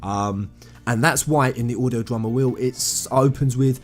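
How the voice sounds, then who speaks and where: Soft music plays behind a man explaining video game lore in an informal commentary. He talks at normal speed in a medium pitch, conversational and emphatic, addressing his viewers as "guys."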